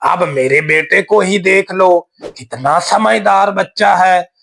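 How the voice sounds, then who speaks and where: A man voicing a boastful neighbor in a family cartoon. He teases slowly and smugly and sounds very pleased with himself. His voice sits high, with a gravelly edge. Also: a bit bright, slight background noise, full character voice. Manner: slow, self-satisfied, teasing. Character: smug adult male neighbor who boasts about his son. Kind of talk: cartoon voice acting.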